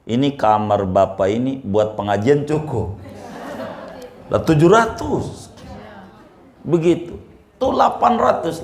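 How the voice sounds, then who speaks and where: A man's voice: mid-range voice, darkish tone, reverberant. A man preaching in a casual, teasing way and often asking his listeners questions. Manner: chatty, teasing, asks the audience questions. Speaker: Islamic preacher. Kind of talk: casual sermon to a congregation.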